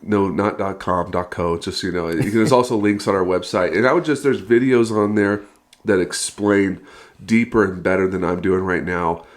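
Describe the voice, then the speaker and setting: A man in his thirties from California speaks as a guest pastor in a relaxed podcast chat. His voice sits on the low side, and he talks with upbeat energy, often breaking into laughter between filler words. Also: normal speed. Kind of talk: casual podcast interview.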